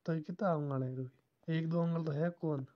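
Through a dull, lo-fi recording comes a caller's medium-pitched voice, its melody flat. The talk is relaxed and personal, like a phone conversation, at a moderate pace.

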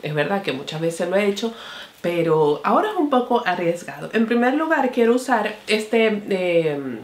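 A woman's voice: medium pitch, sing-song, moderate pace. A woman reviewing makeup products in a casual vlog, chatting to her viewers and calling them "señores" and "mi amor". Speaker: beauty vlogger. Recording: echoey room.

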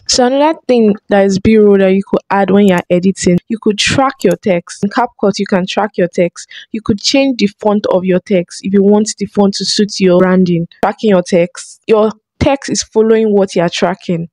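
A woman's voice: medium pitch, a little mellow, no echo. A young woman, a content creator, explaining phone video editing in a chatty tutorial vlog on an external microphone. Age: young adult.

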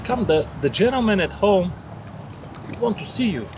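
This man's high-sitting voice carries lively intonation at a normal pace as he cheers the fish he hooks and addresses his viewers from a small river boat. It's a noisy outdoor recording from a boat-mounted camera, with traffic audible behind him.

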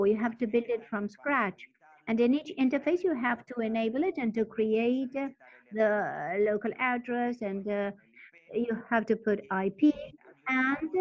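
A woman with a somewhat high voice walks through a technical setup in halting, stop-start phrases. Her delivery keeps pausing and picking up again. The sound is dull and lo-fi, like a muffled webinar feed. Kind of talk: technical presentation.

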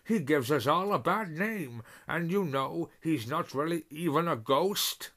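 A man's voice: a little high, animated, measured pace, fairly bright tone, voice pushed up, heavily acted. A man voicing a fussy, genteel nobleman ghost in a ruff. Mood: exasperated.

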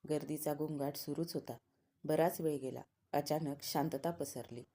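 A woman storyteller narrates an audiobook story. Her voice is fairly low and mellow, and she reads in a measured, expressive way.

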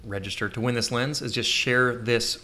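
A man hosts a casual live podcast, trading jokes with his co-host and wandering through his points. His voice sits in an ordinary middle range, relaxed and animated. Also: mid-range voice, moderate pace, creaky. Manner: jokey, rambling, animated.

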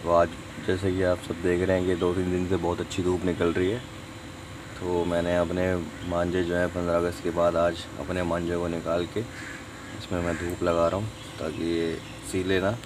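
A man's voice: low voice, monotone, moderate pace. A man casually explaining a how-to in a vlog, chatty and instructive, slipping in English phrases. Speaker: vlogger. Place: outdoors in a sunny courtyard. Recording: noisy outdoor phone recording.

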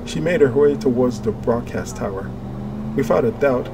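A man reading an audiobook in steady, measured scripted narration. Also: mid-range voice, background noise. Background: music.

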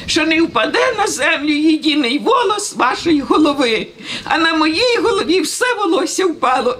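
A woman's voice: high-pitched, a bit bright, low-quality recording. A woman giving an emotional personal testimony at a church gathering, laughing and tearful as she tells it.

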